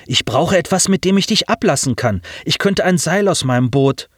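An earnest young helper with a devout streak speaks in a slightly raised voice, as a male narrator plays him. He murmurs his lines with quiet conviction. The sound is dry and close. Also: on the high side, animated, moderate pace, breathy edge, dry recording, pitched above the performer's own voice.

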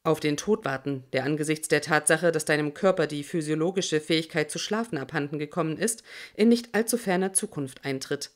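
A woman reading a relaxed, blunt man. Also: low-pitched, fairly quick, few pauses, natural voice. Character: relaxed, dryly blunt male companion. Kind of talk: audiobook reading.

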